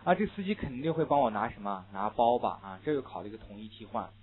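A man's voice: lowish voice, very animated, fast. Man teaching English, tinny lo-fi recording. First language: Chinese. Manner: drills pronunciation, asks and answers own questions. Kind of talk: classroom lecture. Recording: tinny phone-like lecture recording.

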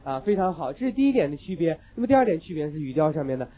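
A man's voice: on the high side, big pitch swings, very fast. A man teaching an English listening class, lecturing emphatically, repeating key points and dropping joking asides. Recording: tinny lo-fi phone-like recording.

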